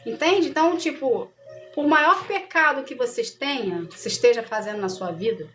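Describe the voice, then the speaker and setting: A woman's voice: high voice, moderate pace, a bit bright, soft background music. A Brazilian woman, a missionary, teaching a casual Bible study in a conversational way and often checking that her listeners follow.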